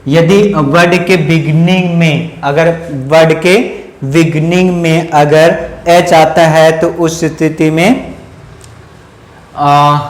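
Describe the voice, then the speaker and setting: A man teaching with an Indian accent. He spells out letters slowly and repeats words, asking questions and answering them himself. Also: fairly high pitch, reverberant. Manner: slow and repetitive, spells out letters, asks and answers his own questions. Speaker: English teacher. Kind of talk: Hindi classroom-style lesson on English pronunciation.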